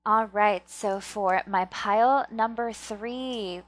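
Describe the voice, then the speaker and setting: A woman's voice: mid-range voice, takes it slowly, dry recording. A woman hosting a casual pick-a-card reading, chatting to viewers and often checking in, with slightly thick-tongued, stumbling articulation. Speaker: tarot reader and video host.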